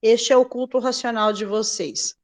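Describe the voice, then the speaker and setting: A woman reading scripture aloud in a measured way. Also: a little high, steady tone, a little mellow. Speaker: scripture reader.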